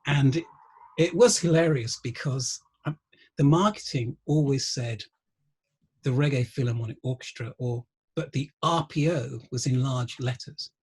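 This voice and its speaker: A middle-aged man, a guest musician and researcher, telling wry anecdotes in an interview, often pausing with ums. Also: medium pitch, a little mellow, breathy edge. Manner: anecdotal, wry, laughs through stories, frequent ums. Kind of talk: conversational interview storytelling.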